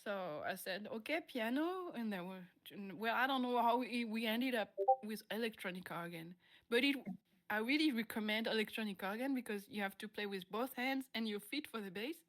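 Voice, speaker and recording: A woman's voice: on the high side, animated, moderate pace, fairly bright tone. A woman from France, a native French speaker, chatting casually in an interview about her music and laughing often as she searches for English words.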